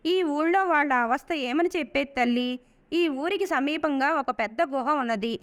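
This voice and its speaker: A woman's voice: high voice, moderate pace, lightly acted. A woman voicing a poor brahmin father who speaks earnestly and sorrowfully. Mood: weary. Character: poor older brahmin man, grieving father.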